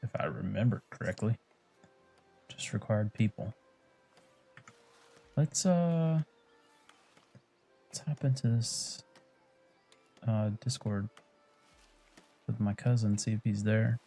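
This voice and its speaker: A man with a fairly low voice talks through his game stream in a relaxed, offhand way, dropping the odd curse. Faint music plays underneath him. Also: takes it slowly, long pauses. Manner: laid-back, swears casually. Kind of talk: casual chat while streaming a game.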